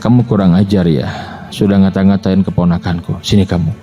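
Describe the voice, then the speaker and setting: A man's voice: deep voice, steady tone, fairly quick, mellow, soft background music, voice pushed down, close to an everyday voice. A man voicing an angry, proud adult warrior during sermon storytelling, scolding bluntly.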